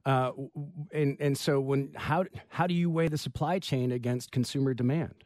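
A man speaking as a public radio host, presenting and interviewing in a polished, deliberately phrased delivery. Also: medium pitch, fairly even intonation, darkish tone.

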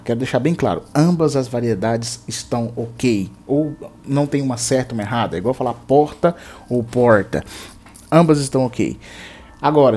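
A man teaching English in a patient, step-by-step language lesson, repeating words slowly for practice. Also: mid-range voice, a little mellow, breathy edge.

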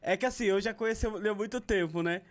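A podcast host with a high-pitched, fast voice chats casually and reads out a sponsor plug.

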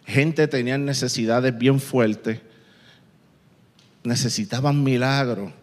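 A man preaching a sermon, telling a story with lively sound effects and quoted voices. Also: medium pitch, takes it slowly. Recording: long reverb in a large hall.

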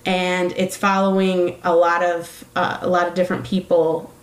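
A woman's voice: fairly low pitch, level tone, moderate pace, reverberant, low-quality recording. A woman talking casually, rambling with many fillers and correcting herself as she goes. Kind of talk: casual chat.

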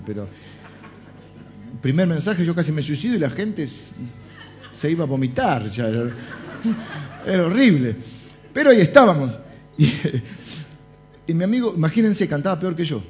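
A middle-aged man with a Rioplatense Spanish accent, preaching in a church and telling humorous stories with jokes and asides. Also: fairly high pitch. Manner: animated storytelling with jokes and asides. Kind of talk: humorous sermon anecdotes. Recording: dull lo-fi sound with faint music.

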